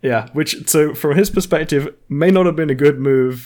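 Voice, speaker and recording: A man's voice: a little high, moderate pace, a little mellow. Thoughtful man in casual book chat. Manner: thoughtful, hedging with you know and right. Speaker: podcast co-host.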